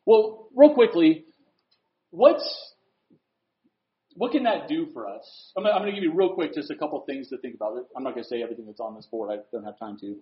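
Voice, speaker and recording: High-voiced preacher in an echoey room. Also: male voice, expressive, fairly quick. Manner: conversational, asks rhetorical questions, swings between loud emphasis and quiet asides. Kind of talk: sermon. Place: room with a board. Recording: roomy, dull lo-fi recording.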